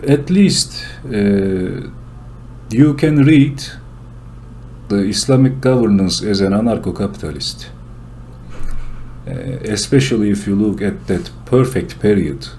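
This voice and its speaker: A man from Turkey with a Turkish accent gives a solo commentary monologue in English, explaining his points earnestly and deliberately. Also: fairly low pitch, expressive, darkish tone, slight background noise. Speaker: channel host.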